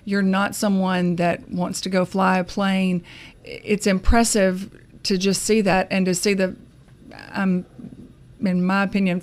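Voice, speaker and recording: A woman from the university staff, chatting as a radio guest in a hesitant, friendly way with frequent fillers. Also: medium pitch. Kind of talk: casual interview chat.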